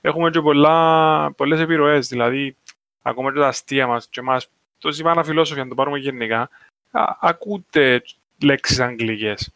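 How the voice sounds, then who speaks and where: A man's voice: mid-range voice, fairly bright tone, no room sound. A man with a Cypriot Greek accent, talking in a casual discussion. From Cyprus.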